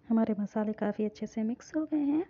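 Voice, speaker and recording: A woman calmly narrating a step-by-step recipe in her home kitchen. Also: on the high side, fairly quick, breathy edge. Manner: calm, instructive, repeats "hum" often. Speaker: cooking channel host. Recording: dull lo-fi phone audio.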